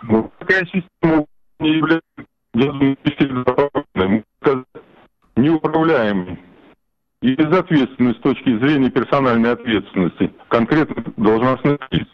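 A man talks as a guest over a bad remote connection that keeps breaking up. His voice comes through muffled and dull, with a very dry sound and no room around it. He speaks in a slow, deliberate, formal way. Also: mid-range voice, dry recording. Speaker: guest expert. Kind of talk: measured expert commentary. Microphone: remote call link.

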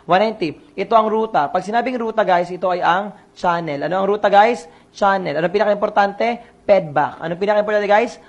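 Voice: mid-range voice, fairly quick, muffled recording. A coach running an online exam review lesson, quizzing the listeners and repeating each answer to drill it in.

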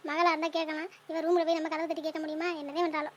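A shrill, very high, squeaky cartoon mother, as a woman puts her on, grumbling and nagging in one flat whine. She rattles off complaints at breakneck speed, never pausing for breath. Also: dull audio, a little hiss or hum, natural voice. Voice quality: squeaky, rapid-fire complaining. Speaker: mother-in-law. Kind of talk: cartoon comedy voice acting.

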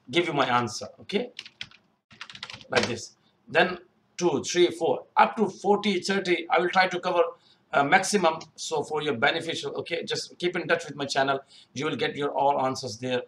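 A young man who runs a YouTube career advice channel speaks at a moderate pace, his fairly high voice a bit bright, with slight background noise. The screen-share tutorial is unscripted and loose, rambling with frequent fillers, restarts, and repetition. He's recorded through a webcam, visible in the screen recording's corner, in a small room.

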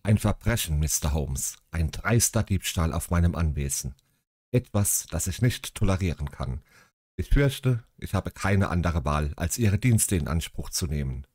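Man reading as a gruff demanding English lord. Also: sits low, expressive, measured pace, a little mellow, dry recording, clean studio sound, voice pushed down, full character voice. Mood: stern. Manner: curt, commanding.

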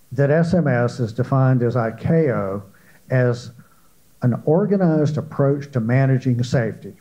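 An older man moderates a panel in a large conference hall, talking into a handheld mic. His tone is mellow and relaxed, and he chats along loosely with plenty of "uh"s. The recording sounds a little dull. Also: mid-range voice. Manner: conversational, asks questions with frequent fillers.

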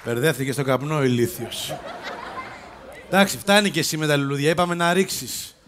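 Guy doing a bossy cop instructor on stage who keeps roasting his castmates, slightly high voice, bit of background noise. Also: crowd noise, lightly acted. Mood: scolding. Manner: mocking, scolding, ad-libs at fellow actors. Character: bossy male police self-defence instructor. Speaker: comic actor and sketch lead. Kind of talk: live stage comedy sketch. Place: open-air theatre stage.

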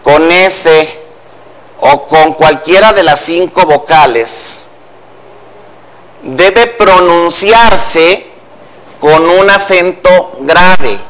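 A man's voice: a little high, very slow, long pauses, fairly bright tone. A man from Mexico, a language commentator on a TV news show, patiently explaining spelling rules step by step in a studio.

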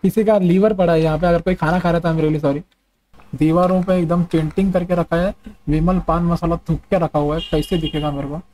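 A man's voice: a little high, fairly even intonation, brisk, slight background noise, low-quality recording. A young man giving jokey, easily frightened commentary while playing a horror game. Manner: jumpy, jokey, often shouting in fright. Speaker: gaming streamer.

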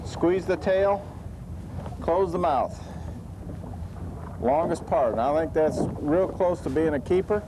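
Slow laid-back fishing guide. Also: male voice, on the high side. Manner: laid-back, drawling, chuckles often. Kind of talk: casual on-boat fishing talk. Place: open boat on a bay, outdoors. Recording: windy outdoor boat noise.

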